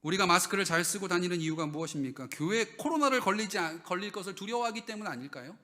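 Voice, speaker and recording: A male pastor delivers a Sunday sermon in a church, his voice high and ringing with brightness. He questions the congregation directly, then answers himself, swinging from loud, emphatic declarations to hushed, low-spoken asides. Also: expressive, fast talker.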